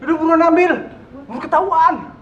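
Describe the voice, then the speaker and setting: An actor playing a jittery, excitable, bungling burglar in a film comedy. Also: male voice, very high-pitched, normal speed, muffled recording. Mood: nervous, alarmed. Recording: loud film music behind.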